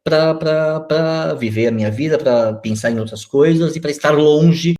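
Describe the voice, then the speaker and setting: A man's voice: on the high side, moderate pace, darkish tone. Hesitant Brazilian man on a video call. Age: 40s. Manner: hesitant, many fillers and restarts, reflective. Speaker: interview guest. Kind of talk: casual video-call interview.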